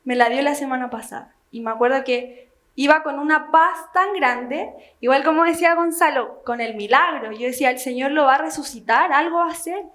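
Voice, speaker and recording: Young woman, high voice, earnest church testimony, halting with fillers. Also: fairly bright tone. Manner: earnest storytelling with many fillers. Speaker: church member giving testimony. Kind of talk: personal testimony.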